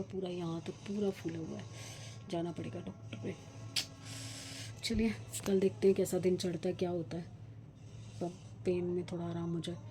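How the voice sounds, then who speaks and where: A middle-aged woman chatting casually in a home vlog, talking slowly and with effort because of a painful tooth. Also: lowish voice, warm tone. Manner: chatty, rambling about household matters. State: speaking slowly from tooth pain. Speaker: vlogger. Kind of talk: casual daily vlog chat.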